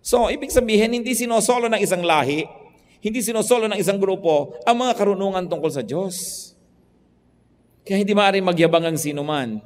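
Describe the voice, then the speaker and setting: Male pastor mid-sermon, raised voice, shifts from hushed to emphatic; long hall reverb. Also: sits high, expressive, a little fast. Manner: preaching in Tagalog mixed with English, swinging from soft to emphatic.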